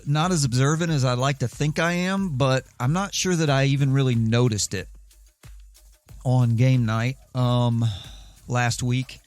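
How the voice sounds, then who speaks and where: A man talks through a casual solo podcast, wandering from story to story with a dry, self-mocking humor. His voice sits at an ordinary middle pitch. Faint music plays underneath. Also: no room sound. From southeastern United States. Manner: rambling, wry, self-deprecating storyteller. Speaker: podcast host.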